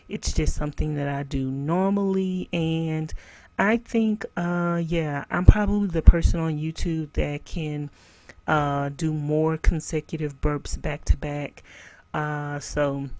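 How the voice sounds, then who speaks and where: A woman's voice: deep voice, a little mellow, dry recording. A woman vlogger chatting casually to her viewers in a loose, friendly way, calling them you guys. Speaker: burping channel vlogger.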